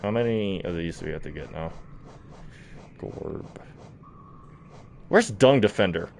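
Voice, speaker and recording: Man, lowish voice, talking through a face mask, projected, casual game streamer, distant mic, faint noise. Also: lively intonation, unhurried, creaky, a little mellow. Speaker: livestreamer. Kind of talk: casual gaming livestream chat. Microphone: distant microphone, talking through a mask. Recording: noisy, mic set far away.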